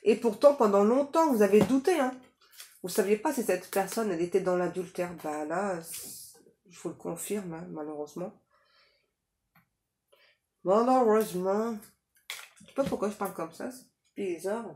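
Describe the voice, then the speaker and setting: A woman's voice: mid-range voice, normal speed, dark tone. A woman giving a casual psychic reading to viewers, talking in a chatty way with many fillers and tag questions. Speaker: psychic reader. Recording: echoey room, faint noise.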